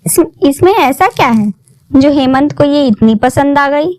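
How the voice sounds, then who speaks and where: A woman voicing a spiteful young sister-in-law who sneers and shouts. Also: high-pitched, animated, unhurried, no echo. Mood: sneering.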